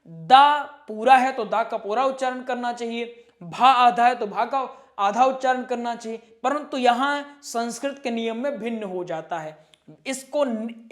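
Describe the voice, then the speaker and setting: A man teaching Sanskrit pronunciation in a slow spoken lesson, drawing out syllables and asking his viewers questions. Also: extremely high pitch. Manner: drawn-out, deliberate syllables, repeating rules and asking the viewers questions.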